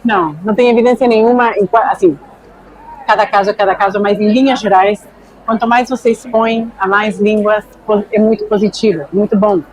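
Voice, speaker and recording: A woman's voice: medium pitch, steady tone, brisk, slight background noise, rough recording. A woman from Argentina, a neuroscientist guest explaining things thoughtfully in a conversation. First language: Spanish. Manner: thoughtful, often checks in with "né".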